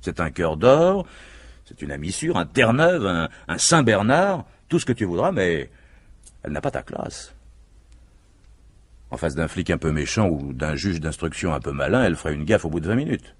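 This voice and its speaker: An actor playing a self-assured, scheming husband in a vintage French radio mystery, speaking in persuasive, emphatic speeches with a husky voice. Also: male voice, low-pitched, sing-song, normal speed, heavily acted. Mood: assured, cautioning.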